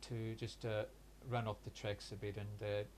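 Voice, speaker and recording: Here an older man in his sixties recounts his life for a reflective life-story interview. A native Hungarian speaker from Hungary who was raised in Australia, he has a voice on the low side that is flat and even. He speaks with hesitation, halting through many pauses and restarts, with slight background noise in the clip.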